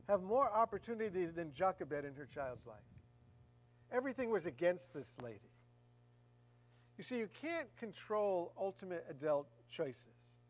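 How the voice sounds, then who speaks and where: A woman preaching a sermon in a conversational way, often repeating key phrases for emphasis. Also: fairly low pitch.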